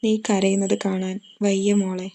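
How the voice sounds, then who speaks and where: Frail old dad, quiet and resigned, done by a woman narrator, low-key and gravelly. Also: monotone, unhurried, natural voice. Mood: tender, sad. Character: frail ailing older father, tender and resigned.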